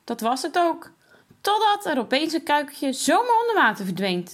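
A woman's voice: fairly high pitch, lively intonation, normal speed. A woman voicing a young schoolboy who is eager and hot-headed and explains things keenly.

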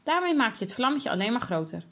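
A woman voicing a patient, firm mother who gently explains a lesson in a children's story. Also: fairly high pitch, very animated, quick pace. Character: calm, patient, wise mother.

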